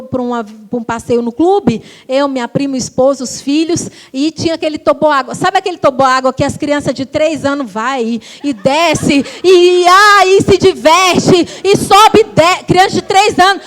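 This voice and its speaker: A Brazilian Portuguese woman preacher telling lively personal stories in a church sermon, acting out the voices of the people in them. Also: high voice. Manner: animated storytelling, acting out quoted voices.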